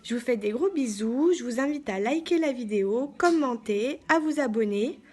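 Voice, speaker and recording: A woman giving a calm, step-by-step makeup tutorial as a beauty vlogger, often saying "donc" and "voilà". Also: on the high side, moderate pace, breathy edge.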